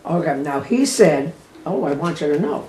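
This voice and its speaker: An elderly American woman, a war veteran, recalling memories unscripted in short, halting phrases. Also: sits low, lively intonation, warm tone. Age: 80s or older. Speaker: war veteran being interviewed. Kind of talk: unscripted reminiscing. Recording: roomy, distant microphone with faint noise.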